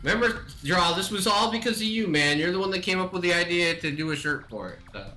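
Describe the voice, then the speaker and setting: A man's voice: sits high, expressive, fast, pushed and bright, faint music behind. A man hosting a gaming podcast in casual chat, enthusiastic and exclamatory as he runs through his picks. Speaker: podcast host.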